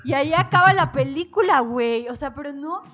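Brief: young Mexican woman, podcast co-host, high voice, slangy and animated, faint music behind. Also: a little fast. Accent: Mexican Spanish. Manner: slangy, animated, acts out quotes. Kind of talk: casual film discussion.

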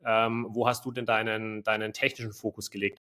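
A man's voice: fairly low pitch, little pitch movement, fairly quick, fairly bright tone. A man hosting an interview podcast, asking long rambling questions full of fillers. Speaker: podcast host.

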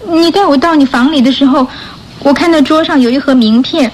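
In a radio drama, an actress voices a repentant young orphan girl who is explaining herself in a high, timid, hesitant voice with an earnest, pleading tone. Her delivery is brisk and lightly acted, and the low-quality recording carries faint background noise.

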